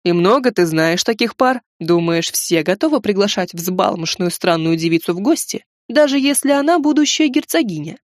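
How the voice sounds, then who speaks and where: A woman's voice: medium pitch, expressive, normal speed, few pauses, dry recording, clean studio sound, lightly acted. A woman reading aloud, voicing a boastful, grumbling bearded wizard man of about fifty who speaks with sarcasm. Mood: sarcastic.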